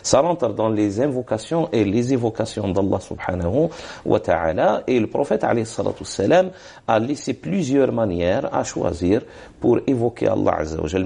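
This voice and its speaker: On a TV program filmed in a studio, a male religious scholar gives advice in response to questions, speaking hesitantly with lots of fillers and recited Arabic formulas. His lowish voice is creaky and dark in tone with a breathy edge.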